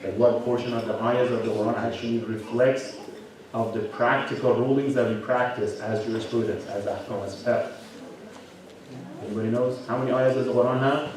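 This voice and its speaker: In a cavernous, echoing hall of worship, a man addresses his congregation in a questioning, conversational way, often asking rhetorical questions and adding "right?". His medium-pitched voice is fairly even in intonation and a little fast. The recording is distant, with strong echo and crowd noise from the audible congregation.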